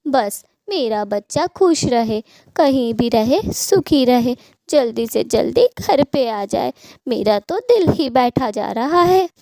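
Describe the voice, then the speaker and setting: A woman's voice: on the high side, expressive, takes it slowly, vocal fry, mellow, dry recording, clean studio sound, exaggerated voice. A woman voicing a worried old mother in a cartoon story who pleads and fusses over her son. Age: older. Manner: pleading, fussing and complaining.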